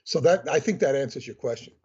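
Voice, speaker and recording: A man, a guest author on a podcast, explaining at length in a measured, lecturing way over a remote call. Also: medium pitch, animated, darkish tone, slightly rough, dull audio.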